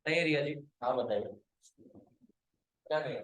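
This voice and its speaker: A man's voice: a little high, moderate pace, fairly bright tone, reverberant, rough recording. A male computer teacher giving a classroom lecture, quizzing his students, calling them to stand and scolding those who have not understood.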